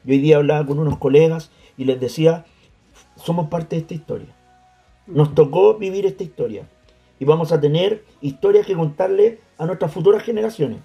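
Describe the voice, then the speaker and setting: Dark gravelly man preaching on radio. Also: a little high, fairly quick, dull audio, soft background music. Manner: preachy, emphatic, addresses listeners. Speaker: radio host.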